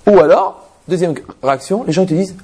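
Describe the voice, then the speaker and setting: A man's voice: sits high, fast, slightly rough. A man giving an anecdotal religious talk as a rabbi, telling stories, asking rhetorical questions and checking "d'accord?" with his audience. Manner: lively storyteller, rhetorical questions, frequent "d'accord?".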